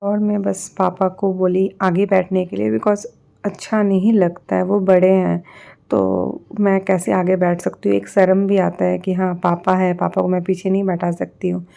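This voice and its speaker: A woman's voice: medium pitch, creaky, mellow. A young woman with a Bihari accent, chatting casually to her vlog audience in a rambling way with many fillers. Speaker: vlogger.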